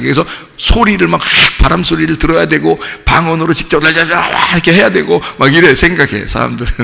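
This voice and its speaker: A man preaching a sermon as pastor, talking with the congregation, asking them questions and lively acting out the voices he quotes. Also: on the high side, creaky, big-room sound. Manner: animated, acts out quoted voices and mimics gibberish tongues; conversational, asks the congregation questions. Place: church sanctuary.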